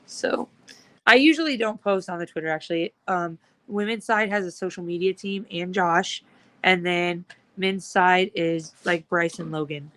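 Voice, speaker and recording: A woman's voice: fairly low pitch, moderate pace, fairly bright tone. A woman talking casually as a guest, upbeat and rambling with lots of fillers. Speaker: guest, supporters' group organizer. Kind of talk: casual chat.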